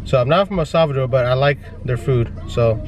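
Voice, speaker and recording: A man's voice: medium pitch, brisk. A man from Uruguay, talking in an easygoing, slightly hesitant way while vlogging for the first time. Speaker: husband vlogging. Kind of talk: casual vlog.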